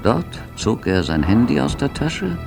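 A man narrating a radio drama in a measured storytelling manner. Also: mid-range voice, very animated, creaky. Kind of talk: scripted narration. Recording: narration over music.

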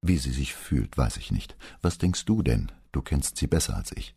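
A man voicing a weary middle-aged commissioner, soft-spoken and gentle. The voice sits extremely low, dark and a little husky. It is a storybook reading. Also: very animated, moderate pace, full character voice.

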